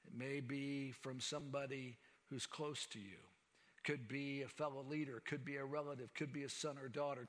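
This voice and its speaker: A male preacher delivering a sermon, swinging dramatically between loud emphasis and hushed lines. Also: mid-range voice, big-room sound.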